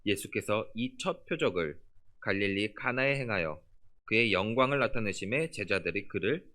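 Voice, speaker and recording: A man preaches a sermon from the pulpit of a church, and his pitch climbs and falls in an animated sweep. When he reads scripture he lets the closing words sink down low and soft. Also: moderate pace. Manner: preaching with lively rises and falls, dropping low on scripture endings. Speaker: pastor. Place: church sanctuary.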